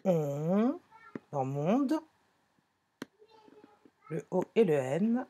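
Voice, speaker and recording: A woman's voice: lowish voice, lively intonation, slow, a little mellow, a little hiss or hum. A woman teaching a phonics lesson to young children, speaking patiently, repeating herself and correcting small slips.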